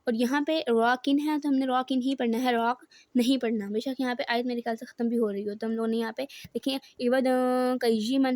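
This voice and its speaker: A woman with a Pakistani Urdu accent teaches Quran reading to beginners. She explains each rule patiently and then recites the words slowly and deliberately. Her voice sits slightly high, recorded close with a dry, dead sound. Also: fairly even intonation, a little mellow, no echo. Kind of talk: step-by-step recitation lesson.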